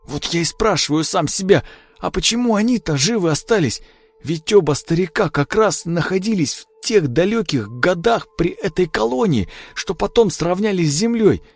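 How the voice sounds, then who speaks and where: A man voicing a frightened young male police trainee, talking in anxious, rushed questions. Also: high voice, animated, no room sound, soft background music, voice pushed up. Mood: uneasy. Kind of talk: audiobook character voice.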